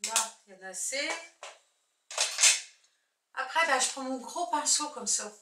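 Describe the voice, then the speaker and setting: A woman's voice: high-pitched, lively intonation, a little slow, very noisy. A woman chatting casually through a makeup tutorial, thinking aloud as she shows each product. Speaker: makeup vlogger. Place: indoors at home, husband filming. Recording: echoey room from far off.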